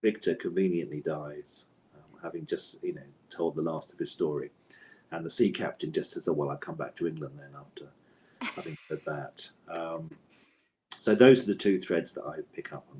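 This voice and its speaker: A man with a notably low, darkish voice answers interview questions as an author, speaking conversationally and thoughtfully. He hesitates, hedges and circles back to rephrase his points, and the rough recording carries slight background noise.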